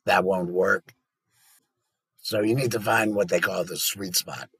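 A man gives a patient, practical explanation, pausing on small fillers as he goes. His voice sits low and comes across husky. The recording is dry, with no room sound. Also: fairly even intonation, a bit bright, no room sound, poor audio. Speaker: podcast guest. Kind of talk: explanatory podcast talk.

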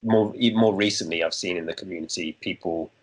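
A man's voice: low-pitched, fast, husky. A man co-hosting a podcast, chatting casually about a video game with frequent fillers and restarts. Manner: hesitant, many fillers and restarts. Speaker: podcast co-host. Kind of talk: casual chat.

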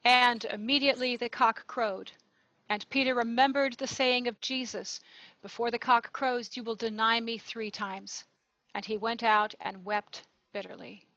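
Bright woman narrating scripture. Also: on the high side, fairly even intonation, measured pace, dry recording, muffled recording. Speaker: narrator of the gospel reading. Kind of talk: liturgical scripture reading.

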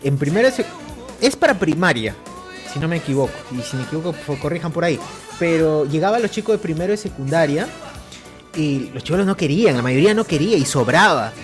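Peruvian male co-host, animated joking storyteller, faint music bed. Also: a little high, fast talker. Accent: Peruvian Spanish. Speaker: podcast co-host. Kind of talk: casual chat.

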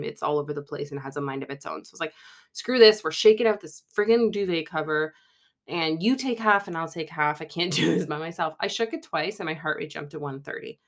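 A woman in her thirties from Canada telling a personal story on her podcast, chatty and self-mocking, often laughing mid-sentence. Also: low voice. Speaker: podcast host. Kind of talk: casual storytelling monologue.

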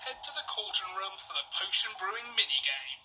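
A woman's voice: medium pitch, lively intonation, brisk, lightly acted. A young woman reading aloud the lines of a regretful talking pet rock in a video game. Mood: rueful. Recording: noisy home game recording.

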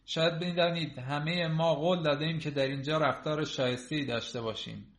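A man's voice: on the high side, fairly even intonation, a bit bright. A man voicing a fawning, buffoonish older man who talks effusively and half-mockingly, recorded in an echoey room. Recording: roomy echo.

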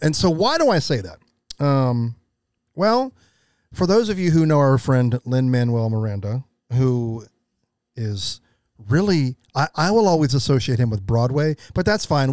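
A man's voice: mid-range voice, darkish tone, no room sound, clean studio sound. An American man co-hosting a podcast in casual, rambling chat, speaking with emphasis. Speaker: podcast co-host.

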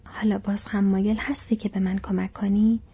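A woman's voice: mid-range voice, level tone, mellow, slightly rough, dull audio. A woman whispering as a weary young male hobbit. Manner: tired and anxious. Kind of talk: whispered role-play.

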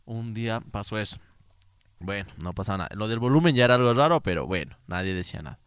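A man's voice: lowish voice, animated, fast talker, clean tone, no room sound, clean studio sound. A man telling a ghost story in a casual podcast chat, slangy and swearing freely. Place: indoors at a jeans factory.

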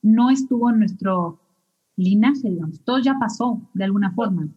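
Woman host, husky, mellow, reflective, filler-heavy, lo-fi sound. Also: mid-range voice, expressive, normal speed. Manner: reflective, thinks aloud with many fillers. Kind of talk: casual conversational interview.

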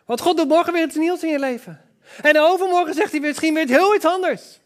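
High-voiced man preaching with enthusiasm. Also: fast talker. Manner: enthusiastic, with exclamations; addresses the congregation directly. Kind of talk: church sermon.

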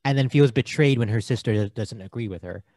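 A man's voice: mid-range voice, brisk, a little mellow, dry recording. Chatty man on a dry close mic. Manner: chatty, laughs often, trails off. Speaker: podcast co-host. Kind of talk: casual movie discussion.

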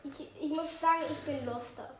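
Teasing high-voiced woman in an echoey room. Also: fairly even intonation, normal speed, slight background noise. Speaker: gaming companion. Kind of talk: casual chat.

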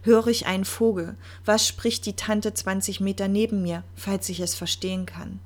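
A woman speaking earnestly and reflectively about mindfulness, addressing the listener directly and often dropping to a soft, quiet delivery. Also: medium pitch, little pitch movement, moderate pace. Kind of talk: personal monologue on mindfulness.

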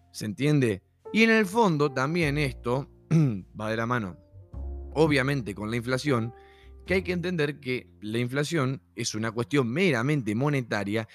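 Argentine man explaining things casually. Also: on the high side. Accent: Argentine Spanish. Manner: conversational, full of fillers and rhetorical checks.

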